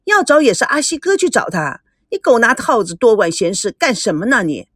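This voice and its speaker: A woman's voice: on the high side, very animated, brisk, fairly bright tone, slightly rough, no room sound, clean studio sound, heavily acted. A woman voicing a glib, cheeky young woman who teases and huffs. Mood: sassy. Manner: glib, teasing, huffy. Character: sharp-tongued young woman, cheeky and meddling.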